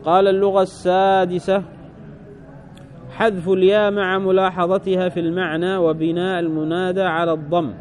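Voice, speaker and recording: A man with a notably high voice leads a classical grammar lesson. He reads a passage aloud, then explains it in a measured, patient way. He often stops to check that his listeners follow. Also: flat delivery, darkish tone. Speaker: Arabic grammar teacher.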